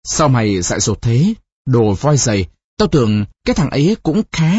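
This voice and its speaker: Casting: narrator doing a stern old village teacher, gruff and scolding, dry husky sound. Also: mid-range voice, big pitch swings, normal speed, darkish tone, dry recording, lo-fi sound. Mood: angry. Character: stern older village scholar father.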